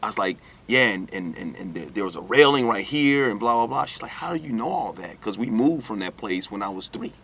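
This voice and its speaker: An American man, born in New York and raised in Alabama, tells candid personal stories as an interview guest, talking conversationally and often repeating and circling back over his phrases. His voice sits on the low side, slightly rough, creaky and a bit bright. He speaks briskly with lively intonation and few pauses.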